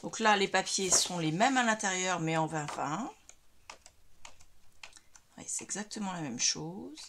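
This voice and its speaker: A woman's voice: fairly low pitch, animated, a little slow, noisy background. A woman in a casual crafting vlog, chatting at home as she shows craft items one by one, with many hesitations. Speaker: crafting vlogger. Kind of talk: casual product showcase. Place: home craft room lit by ceiling light.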